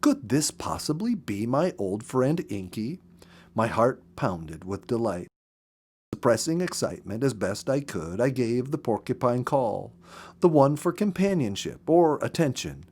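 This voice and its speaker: A man with a medium-pitched, slightly rough voice narrates a story. Like a practised story reader, he phrases things carefully, his expressive, deliberate delivery built for drama.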